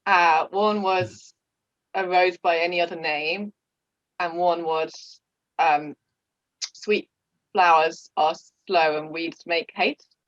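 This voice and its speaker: A woman's voice: fairly low pitch, fairly even intonation, slow, long pauses, fairly bright tone, no room sound. A woman in her thirties hosting a casual interview, friendly and giggly, with frequent fillers. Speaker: podcast host. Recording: dull, dry lo-fi audio.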